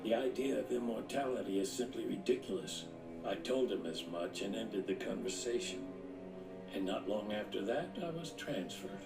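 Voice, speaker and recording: An actor playing a shrewd, eccentric old military commander in an anime dub. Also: male voice, lowish voice, lively intonation, moderate pace, gravelly, recorded from a distance. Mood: grave. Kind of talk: English anime dub acting. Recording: echoey playback under loud music, off-mic.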